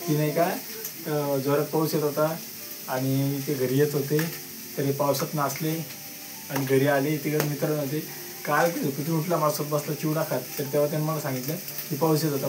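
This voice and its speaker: A man's voice: a little high, noisy background. A man vlogging casually at home with his family, chatty and coaxing a small child to talk. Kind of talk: casual home vlog chat. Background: background music.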